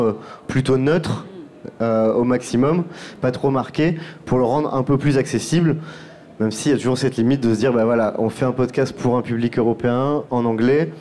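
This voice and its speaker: A man's voice: medium pitch, mellow, slight background noise. A man who produces podcasts, talking through his work in a round-table discussion and often restarting his phrases.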